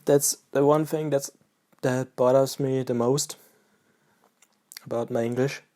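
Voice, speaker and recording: This pipe-smoking Austrian vlogger talks casually to the camera in English, his Austrian German accent clear. His mellow, dark voice stays flat in pitch with little rise or fall, and his relaxed, halting delivery includes pauses mid-sentence.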